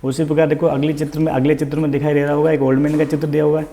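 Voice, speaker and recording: A man's voice: fairly high pitch, level tone, racing, gravelly, warm tone. A man teaching an online Sanskrit vocabulary lesson, patient and repetitive, who asks the listener questions and then answers them.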